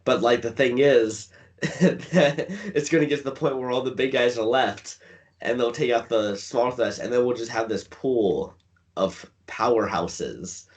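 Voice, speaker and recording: A man co-hosting a podcast, chatting casually and relaxed about a TV show. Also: mid-range voice, measured pace, distant mic. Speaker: podcast co-host. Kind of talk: casual chat. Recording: voice a bit off-mic.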